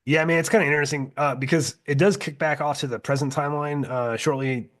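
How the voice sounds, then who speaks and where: A man's voice: on the high side, fast, a bit bright. A man co-hosting a casual podcast recap of a TV series, laid-back and profane. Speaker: podcast co-host.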